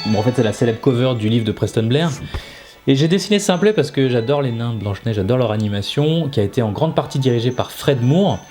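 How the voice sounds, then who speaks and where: A man with a medium-pitched voice presents a casual video lesson. He explains informally, dropping in small tag words as he goes, while faint music plays behind him. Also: animated, fast talker. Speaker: animation teacher and video host.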